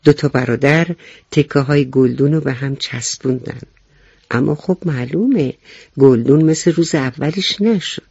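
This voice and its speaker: A man narrating a children's story, animated and speaking directly to young listeners. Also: mid-range voice, creaky, husky, no echo, dull audio.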